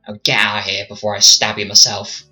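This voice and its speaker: A man's voice: lowish voice, little pitch movement, a little fast, pushed and bright, soft background music, poor audio. Man voicing a snarling, surly hyena man. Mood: snarling, threatening. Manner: snarling, curt, condescending. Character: surly, threatening hyena man, dagger-carrying guild member.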